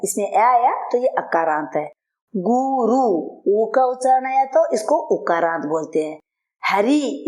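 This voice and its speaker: A woman's voice: medium pitch, a little mellow. A woman teacher patiently explaining a school lesson word by word, spelling out terms and their meanings. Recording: roomy, echoey voice-over.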